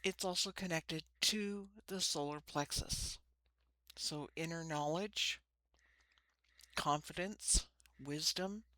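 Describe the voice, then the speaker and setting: A woman with a lisp and slushy s sounds, giving an informal spiritual talk to camera in short, halting phrases. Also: deep voice, pushed and bright, no echo. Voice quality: lisping, slushy sibilants from ill-fitting dentures. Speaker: host of a spiritual card-reading channel. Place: small room.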